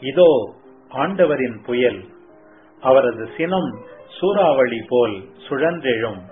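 A man giving a slow, measured and solemn devotional scripture reading. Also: medium pitch, expressive. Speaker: scripture reader. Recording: tinny phone-like sound, faint music.

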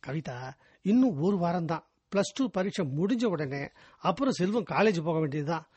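An actor playing a kind, patient family driver and husband, speaking softly and gently with a husky voice. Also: male voice, high voice, animated, normal speed, no room sound. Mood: gentle.

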